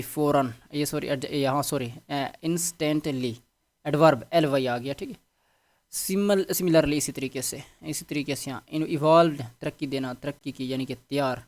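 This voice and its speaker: A man teaching an English vocabulary lesson to a class, spelling words out and checking understanding after each one. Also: on the high side. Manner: repeats words and checks with "theek hai".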